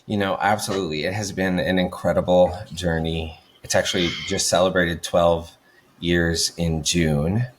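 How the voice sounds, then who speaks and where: A man answering interview questions about his career in a measured way, often pausing on uhs. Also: low voice, fairly even intonation, slight background noise. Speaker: nonprofit development officer, guest.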